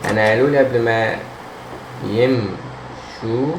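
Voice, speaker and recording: A man's voice: mid-range voice, fast talker. Jumpy Egyptian man gaming in an echoey room. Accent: Egyptian Arabic. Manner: jumpy, talking to himself and to game characters. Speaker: gamer, let's player. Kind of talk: casual horror game commentary. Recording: roomy echo, steady background hum and noise.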